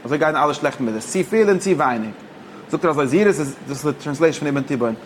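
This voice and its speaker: A man teaching an informal text study lesson, halting and restarting often, mixing languages. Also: a little high, lively intonation, slight background noise. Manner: halting, mixes languages, many fillers and restarts. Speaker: teacher of religious texts.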